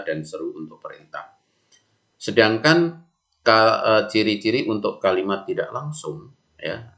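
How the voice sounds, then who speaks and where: Low-voiced male teacher explaining patiently. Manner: calm explaining with frequent fillers and self-corrections. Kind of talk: classroom lesson narration.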